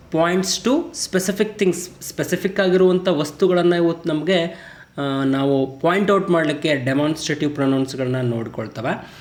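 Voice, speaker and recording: A man teaching grammar, reading his English example sentences slowly and deliberately. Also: fairly high pitch, darkish tone, reverberant. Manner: slow, deliberate English example sentences between quick Kannada explanations. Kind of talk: explaining grammar in a lesson.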